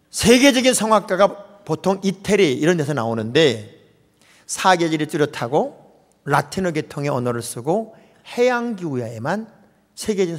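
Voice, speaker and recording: A man's voice: sits high, fairly bright tone. A middle-aged male pastor preaching a humorous sermon, joking with the congregation and mimicking dialects. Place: large church sanctuary. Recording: long reverb in a church hall.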